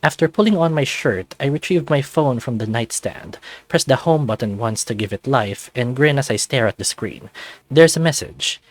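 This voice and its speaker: A channel host narrates a visual novel in the first person, bringing an expressive, animated storytelling energy. His voice is mid-range, his pace moderate, and the recording dry.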